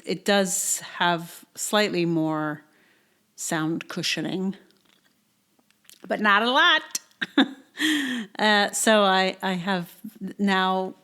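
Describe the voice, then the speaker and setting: A woman in her forties hosts a podcast, starting with a casual intro and then reading her own blog post aloud as a personal essay. Her mid-range voice is smooth and a bit bright, and her delivery is conversational and wry. She's recorded on a portable travel mic inside a sparsely cushioned house, so there's a slight echo.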